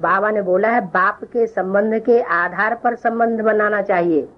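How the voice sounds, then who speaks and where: A woman's voice: medium pitch, steady tone, measured pace, highs cut off. Woman teaching a spiritual scripture class. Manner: questioning, teasing listeners. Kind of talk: religious scripture lesson.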